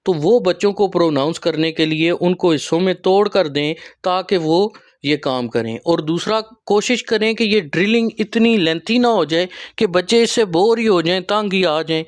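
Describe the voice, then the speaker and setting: A male teacher trainer and channel host with a Pakistani Urdu accent explains training material to teachers. His voice is high, and he takes his time, pausing often and using fillers.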